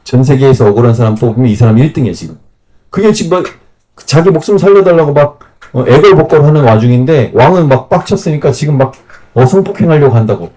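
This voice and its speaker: A man with a mellow, darker voice gives a Bible camp lecture. He retells the scripture story in lively, everyday speech and dramatizes each scene for his listeners. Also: medium pitch, quick pace, rough recording. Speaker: Bible teacher.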